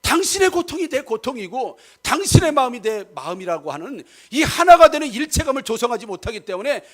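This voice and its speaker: A male pastor preaching a sermon in church, speaking emphatically and addressing the congregation directly with questions. He rises to near-shouts when he acts out quarrels. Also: extremely high pitch, very animated, a little fast.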